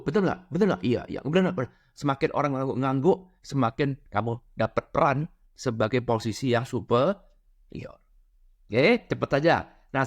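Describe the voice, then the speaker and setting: A middle-aged man giving a casual spiritual lecture, lively and constantly checking in with his listeners with tag questions. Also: a little high. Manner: lively, peppers talk with "ya" and "benar ya?".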